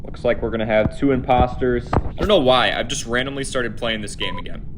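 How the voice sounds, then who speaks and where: With audio coming from his device instead of headphones, a male streamer chats casually and reacts to viewer comments while gaming. His mid-range voice runs a little fast, and the echoey room carries background noise.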